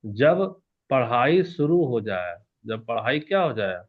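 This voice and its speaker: A male teacher giving an exam-prep lecture in a lively manner, asking questions and answering them himself while shifting between soft and loud. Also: medium pitch, takes it slowly, phone-quality sound. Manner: animated, varies loudness and pace, asks questions and answers them himself.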